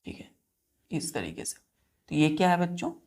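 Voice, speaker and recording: An Indian woman teacher giving a science lesson. She dictates slowly, spells words out letter by letter and keeps asking her students questions. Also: low voice, sing-song, vocal fry, darkish tone. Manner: quizzes students with repeated questions.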